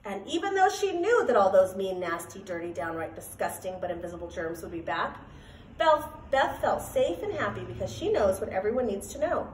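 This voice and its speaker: A woman reading a children's storybook aloud as a teacher, in an expressive, emphatic, sing-song way. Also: medium pitch, brisk, a little hiss or hum. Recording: roomy echo, voice from a distance.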